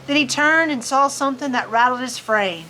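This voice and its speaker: Her high voice sounds pushed and bright at a normal speed while she reads aloud to children, folksy and playful, alternating narration with chat. The low-quality recording was made outdoors on a cold farm, with faint ambient noise.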